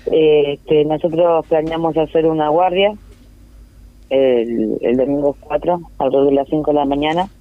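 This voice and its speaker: A woman's voice: low voice, steady tone, normal speed, no echo. A woman with a Uruguayan accent, speaking on the phone in an interview, hesitant with many fillers and restarts. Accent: Uruguayan Spanish. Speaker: neighborhood representative interviewed by phone. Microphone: telephone. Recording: tinny dry phone line.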